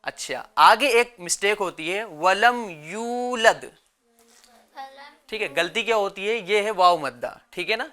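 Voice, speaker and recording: A man with a Pakistani Urdu accent teaching children Quran recitation, chanting verses slowly and explaining quickly between them. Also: high voice, bright, forceful tone. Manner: slow drawn-out recitation, then quick explaining, calls on children to repeat.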